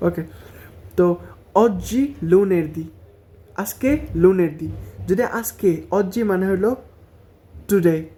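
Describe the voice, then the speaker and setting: Slow, mellow-voiced man teaching Italian words. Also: high voice. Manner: repeats each word slowly, syllable by syllable. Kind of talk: language lesson.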